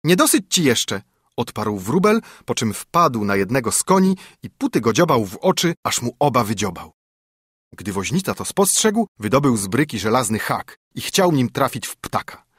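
A man reading a fairy tale aloud, expressive storybook narration on a close mic. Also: mid-range voice, moderate pace, slightly rough, no echo.

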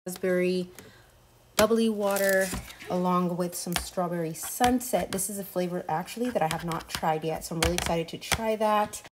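A woman's voice: on the low side, normal speed, noisy background. A woman in her thirties, chatting casually to viewers in a home vlog, calling them y'all, filmed at arm's length. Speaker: lifestyle vlogger. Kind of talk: casual vlog chat to camera. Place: home kitchen and garage, indoors. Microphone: camera held at arm's length.

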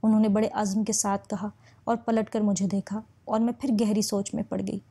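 Mellow woman narrating a novel. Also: medium pitch, husky. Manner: steady, measured reading. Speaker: audiobook narrator. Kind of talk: first-person novel narration.

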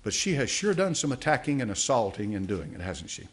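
Older pastor preaching from a church podium. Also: male voice, mid-range voice, big pitch swings. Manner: halting, with many fillers and restarts. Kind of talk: sermon, reading aloud and commenting. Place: church sanctuary. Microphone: podium mic.

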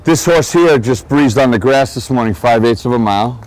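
A man's voice: medium pitch, moderate pace, a little mellow, poor audio. Chatty man from Long Island. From Long Island, New York. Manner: chatty, digressive, restarts sentences often. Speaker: racehorse trainer. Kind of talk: guided barn tour. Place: outdoor horse barn shed row.

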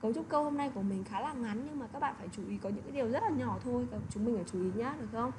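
Teacher lady walking kids through grammar, keeps asking "got it?", slightly higher voice, hissy noisy recording. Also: very fast, a little mellow. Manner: keeps checking with tag questions. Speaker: English teacher. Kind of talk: online lesson explanation.

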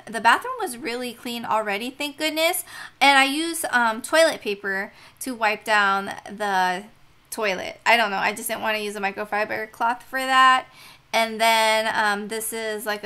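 A woman's voice: on the high side, a little slow, sharp tone, clean tone. A young woman vlogger chatting upbeat in a casual voice-over, often laughing as she talks.

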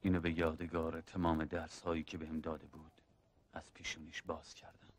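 An actor playing a seasoned male soldier who calmly mentors a younger comrade and recounts the war. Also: rumbling low, slight background noise. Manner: calm, measured storytelling. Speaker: older soldier in war film.

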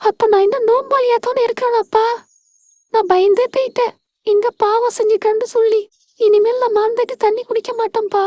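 A very high, childlike little boy who sounds fretful and close to tears. The voice is soft and mellow, and the dry recording sits close to the mic. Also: fairly even intonation, a little fast, no echo. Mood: relieved. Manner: tearful, worried. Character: young schoolboy fretting over his fast.

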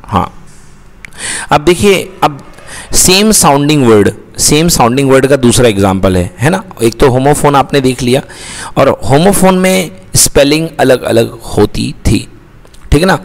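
A man's voice: medium pitch, lively intonation, a little slow. A man teaching an English lesson in Hindi mixed with English, who keeps asking questions and answering them himself. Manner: asks questions and answers them himself, calls listeners beta. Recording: long reverb.

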